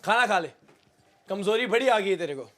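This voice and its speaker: A man's voice: high-pitched, lively intonation, normal speed, a bit bright. A man, a reality show contestant, taunting and mocking another in a heated argument.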